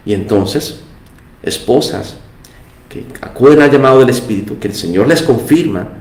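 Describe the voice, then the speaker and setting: A man's voice: medium pitch, lively intonation, moderate pace, a little mellow. A man preaching a fervent sermon, rising now and then to impassioned outbursts. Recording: echoey room.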